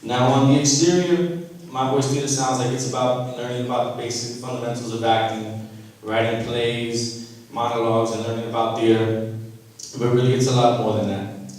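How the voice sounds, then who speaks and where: A man in his thirties from Brooklyn, giving an emotional, halting reunion speech to an audience, with many fillers. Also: medium pitch, flat delivery, a little mellow. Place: indoor event hall. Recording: echoey hall from far off, faint noise.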